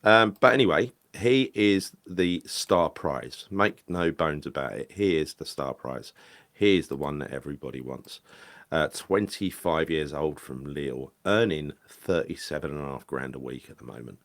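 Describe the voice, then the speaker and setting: In a casual solo football chat, a male podcast host rambles hesitantly, leaning on fillers and correcting himself often. His voice is very deep yet fairly bright, with lively intonation and a moderate pace.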